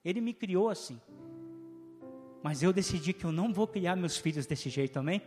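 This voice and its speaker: A man's voice: sits high, expressive, moderate pace, a little mellow, long reverb tail, faint music behind. A man with a Brazilian Portuguese accent preaching a sermon in a church, full of rhetorical questions and call-and-response with his listeners. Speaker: pastor. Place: church hall.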